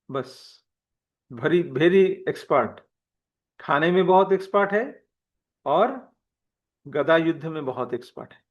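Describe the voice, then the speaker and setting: A man telling a devotional story to a class in a plain manner, repeating phrases for emphasis, heard in a dull lo-fi recording. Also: fairly high pitch.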